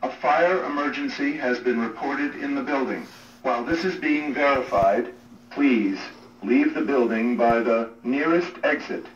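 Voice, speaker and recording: A man giving a calm, measured prerecorded emergency announcement over a public address loudspeaker. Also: medium pitch, slight background noise. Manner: calm, measured, even delivery. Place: hotel corridor. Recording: echoey, muffled loudspeaker from far off.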